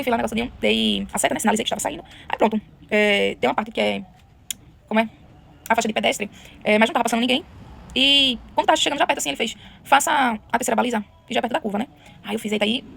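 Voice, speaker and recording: Woman vlogger, very quick, gravelly and a little high, faint noise behind. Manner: chatty, lively, retells scenes with quoted voices. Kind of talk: casual storytelling to camera.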